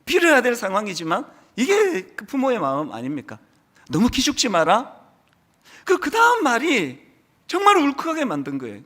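Animated, bright-voiced pastor preaching. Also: male voice, very high voice, fairly quick. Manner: storytelling, swings between loud and hushed. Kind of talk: sermon. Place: church sanctuary.

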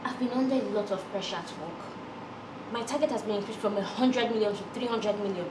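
A woman's voice: mid-range voice, fast talker, natural voice. Stern wife, acted by a woman, echoey room. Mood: defensive. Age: young adult. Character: stern, defiant working wife. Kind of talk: film drama acting. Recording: echoey room, noisy location sound.

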